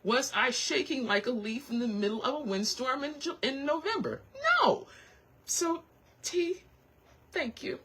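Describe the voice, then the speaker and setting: A woman hosting a radio show, chatting in an animated, sassy way. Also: unhurried, slightly rough. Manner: animated, sassy, swoops into high excited squeals. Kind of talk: casual talk radio chat. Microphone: studio microphone.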